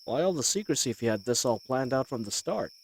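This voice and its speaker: A man's voice: medium pitch, sing-song, fast talker, slight background noise. A man playing a roguish, good-humoured bandit leader in a fantasy audio roleplay, talking in a folksy, teasing and hesitant way. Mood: humbled, curious.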